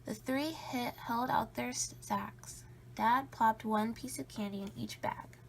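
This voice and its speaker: A woman reading a children's story aloud in a playful, spooky way, with drawn-out emphasis and a creaky edge. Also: on the high side, slight background noise. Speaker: storybook reader.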